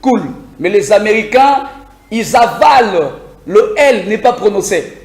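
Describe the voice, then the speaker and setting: A man teaching a beginners' English lesson on air, lively and repetitive, asking listeners to repeat phrases after him. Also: high-pitched, unhurried, reverberant. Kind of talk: live broadcast English lesson.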